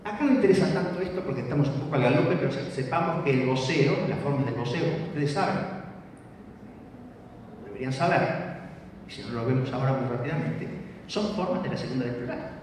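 A man's voice: medium pitch, slight background noise. A man giving an academic lecture, teaching and checking in with his listeners. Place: lecture hall. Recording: echoey hall from far off.

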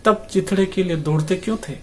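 A man voicing a stern, strict middle-aged father who asks brisk, pointed questions. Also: high-pitched, a little mellow, close to an everyday voice. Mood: questioning. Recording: faint background noise.

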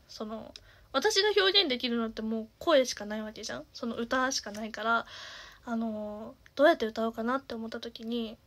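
A young woman in her twenties, a singer and streamer, chats casually in a naturally nasal, fairly high-pitched voice. She uses lots of fillers and now and then drops into a soft half-whisper.

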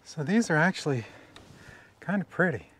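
This sawmill operator, a middle-aged man, has a rather high, expressive voice that's a bit bright and slightly rough, at a moderate pace. Working outdoors in a wooded yard, he keeps up a musing commentary to the action camera on his mill, talking to himself and admiring the wood.

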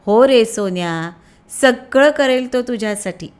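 A woman voicing a gentle, loving mother in a storybook tale, speaking softly and reassuringly. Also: on the high side, lively intonation, measured pace, smooth. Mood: tender. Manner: soft, affectionate, reassuring.

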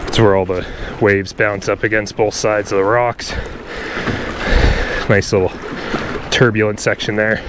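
This Canadian kayak angler narrates casually to the camera while fishing on open water, his lowish voice level in tone. He speaks at a measured pace, pausing often, relaxed and chatty with his viewers. Wind and water noise come through clearly in the outdoor recording.

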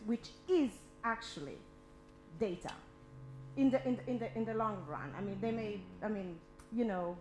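A woman in her thirties speaking as a panelist in an impromptu discussion, halting and repeating words as she argues earnestly into a handheld microphone. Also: mid-range voice. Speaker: symposium panelist. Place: indoor symposium room. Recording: roomy hall echo, noise and hum.

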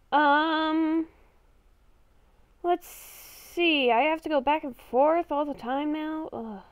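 No echo colors this high female voice. In the clip, a gaming video creator voices a roleplay character, talking to herself through murmurs and bursts of exclamation as she improvises.

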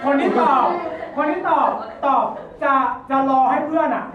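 A woman hosting a party game, loudly explaining the rules and repeating her instructions to a group. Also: high voice, moderate pace, crowd noise. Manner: loud and announcing, repeats instructions. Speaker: game host. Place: large indoor hall with a crowd. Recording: echoey hall from far off, dull and crowded.

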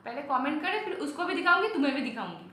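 A woman's voice: high voice, sing-song, racing, pushed and bright, roomy sound. A young woman with a Bengali accent, speaking curtly and sulkily to camera in a casual couple vlog. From Kolkata, India. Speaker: vlogger.

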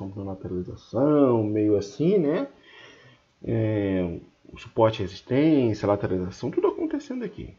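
A man's voice: medium pitch, darkish tone, dull audio. A man with a Brazilian Portuguese accent teaching trading in an informal screen-share lesson, talking colloquially and scolding and joking with his viewers. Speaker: trading instructor.

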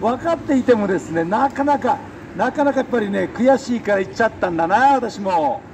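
Speaking into a close-held handheld microphone, a middle-aged defeated election candidate addresses passersby next to a busy city road. His high-pitched voice is animated, brisk, and a little mellow, set against the noise of street traffic.

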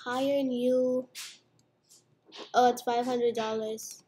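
Speaking in a mellow, high-leaning voice with a level tone, a young girl draws out her words while playing a restaurant game at home. She's a gamer chatting casually and playfully, narrating her own moves, over faint background noise and mouse clicks.

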